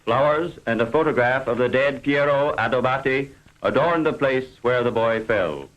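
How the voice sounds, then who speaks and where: A man reading scripted narration for an old 1950s newsreel in a formal, measured delivery, on an old film soundtrack. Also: medium pitch, fairly bright tone, dull audio.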